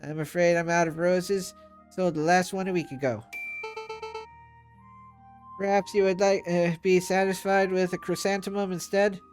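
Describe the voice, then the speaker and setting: A man's voice: high-pitched, fairly even intonation, normal speed, long pauses, soft background music, natural voice. A man reading a polite swan flower girl. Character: young female swan flower seller, polite.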